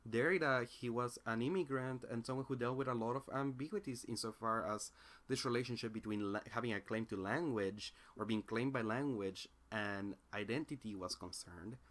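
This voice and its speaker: A young native Spanish speaker with a Spanish accent, an independent philosophy commentator, reflects on his ideas in a casual monologue, searching for words with frequent fillers and restarts. His voice is medium-pitched and fairly bright, at a normal speed.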